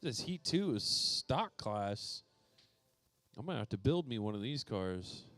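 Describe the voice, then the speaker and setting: Man, RC race announcer, playful and joking, lively swinging pitch, dry close sound. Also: unhurried, no echo. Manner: playful, joking, calls out drivers by name. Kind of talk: live race commentary. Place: indoor RC racetrack.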